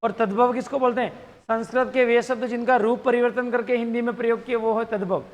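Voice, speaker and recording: A man's voice: very high-pitched, fairly even intonation, brisk, lo-fi sound. A man teaching an exam-prep grammar lesson, quizzing and repeating the answer options aloud. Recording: long hall reverb.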